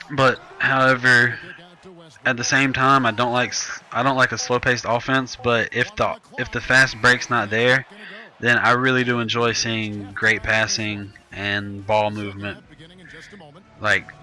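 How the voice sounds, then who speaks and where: With a sharp, mid-range voice, a nineteen-year-old man gives casual commentary while he plays, a YouTuber rambling and frequently correcting himself. The recording is rough.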